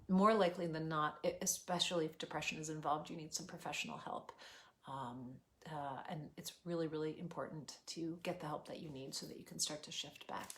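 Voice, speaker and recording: Woman coaching parents in a lower voice. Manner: acts out parent quotes in lively voices. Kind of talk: parenting advice talk.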